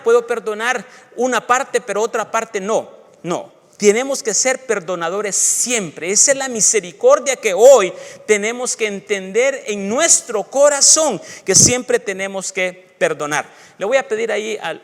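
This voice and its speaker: A man preaching as pastor, reading scripture aloud and breaking into emphatic, rising bursts between quieter asides. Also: high-pitched. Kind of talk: sermon. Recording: long church reverb.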